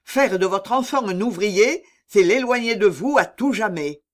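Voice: mid-range voice, expressive, a little slow, close to an everyday voice. Reader doing indignant doctor, storybook, impassioned pleas. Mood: pleading. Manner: impassioned, pleading. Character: indignant male doctor pleading for a boy.

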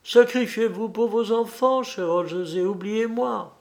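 A man voicing a tearful wife who resigns herself melodramatically, pitching his voice up. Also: a little slow, vocal fry.

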